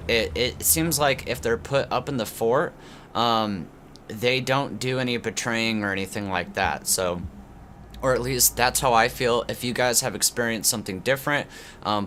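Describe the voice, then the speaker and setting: This man's mid-range, fairly bright voice is clogged from a cold, giving it a tube-like sound as he chats through gameplay on his channel. He rambles casually, restarting and using lots of fillers, over a faint hiss or hum.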